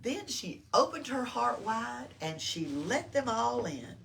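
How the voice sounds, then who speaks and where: At a small-town library storytime, an older woman reads aloud to young children, explaining simply and prompting them with questions. Her slightly high, fairly bright voice is sing-song and slow, with vocal fry. A distant mic picks up background noise.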